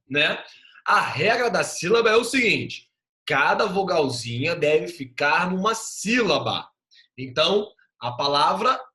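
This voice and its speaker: A man's voice: high-pitched, pushed and bright. A male teacher giving an online class over a video call, patiently sounding out letters and syllables. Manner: patient, drawn-out spelling of sounds.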